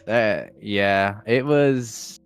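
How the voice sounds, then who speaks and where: A man in casual group chat, telling an anecdote slowly and chuckling as he goes. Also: fairly low pitch, clear, resonant tone, no room sound, soft background music. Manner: slow, laughing anecdote telling. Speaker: guest.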